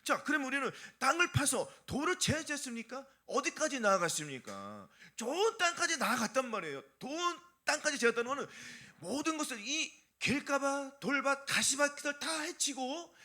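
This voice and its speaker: A man's voice: very high voice, sing-song, moderate pace, hardly any pauses, sharp tone. A male pastor preaching a fervent sermon full of rhetorical questions to his congregation.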